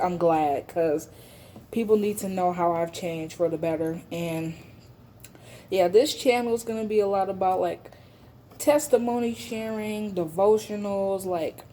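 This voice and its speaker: A woman's voice: lowish voice, warm tone, slight background noise. A young woman speaking casually and candidly at school, sharing a personal testimony on her vlog with many fillers. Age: young adult. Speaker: channel host. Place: at school, in public.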